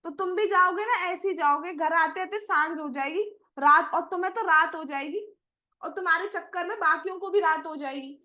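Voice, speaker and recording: A woman's voice: extremely high pitch, normal speed, bright, forceful tone, highs cut off. A woman voicing Krishna's loving mother, fondly coaxing her little son to stay home. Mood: worried. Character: loving, worried mother Yashoda.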